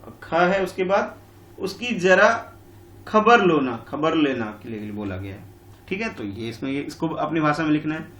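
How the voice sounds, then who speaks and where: A man's voice: a little high, lively intonation, normal speed, echoey room. A male teacher giving an online school lesson. He explains patiently and repeats himself, calling his pupils "beta". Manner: patient and repetitive, calls pupils बेटा.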